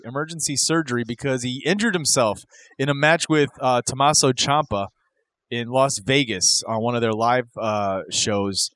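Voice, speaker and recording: A man's voice: medium pitch, a bit bright, no echo. A man co-hosting a podcast, chatting casually about wrestling news and rambling with fillers. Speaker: podcast co-host.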